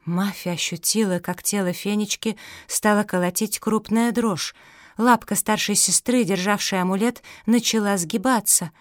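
A woman narrating a children's audiobook in a clear, expressive way. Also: mid-range voice, normal speed, dry recording, clean studio sound.

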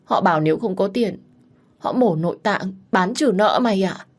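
A woman's voice: lowish voice, normal speed, a little mellow. A woman voicing an anxious young woman pleading hesitantly, in a read-aloud story. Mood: desperate.

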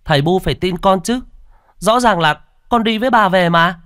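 A man's voice: high-pitched, normal speed, a bit bright, clean tone, dry recording, clean studio sound, voice pushed up. A man voicing a naive ten-year-old village boy who insists and pleads. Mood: pleading.

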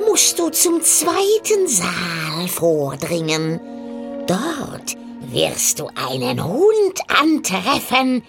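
A woman voicing a sly, ugly old witch who croaks, cackles and coaxes. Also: heavily acted. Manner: wheedling, cackling, sudden shrill rises.

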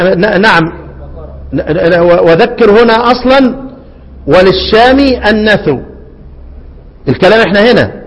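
Middle-aged Egyptian sheikh, high voice, echoing hall; teaching tone, asks and answers his own questions. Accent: Egyptian Arabic. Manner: quizzes listeners with repeated rhetorical questions; chants quoted verses slowly. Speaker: Quran recitation teacher. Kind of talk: teaching lesson with call-and-response questions. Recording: hall reverb.

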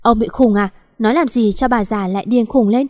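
A woman voicing a harsh, impatient older sister with a sharp, scolding manner. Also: on the high side, brisk, no echo, close to an everyday voice.

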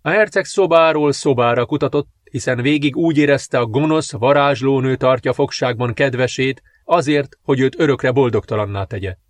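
A man reading a fantasy novel aloud in measured, dramatic scripted narration. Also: mid-range voice, no room sound. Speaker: audiobook narrator.

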